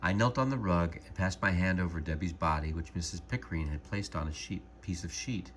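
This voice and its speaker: A man calmly and gently reading a storybook aloud as narrator. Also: deep voice, a little hiss or hum. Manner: calm, gentle, measured narration.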